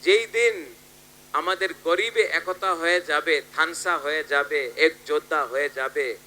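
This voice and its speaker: A man's voice: on the high side, measured pace, sharp tone. A man giving a rousing political rally speech, calling out and repeating his appeals to the crowd.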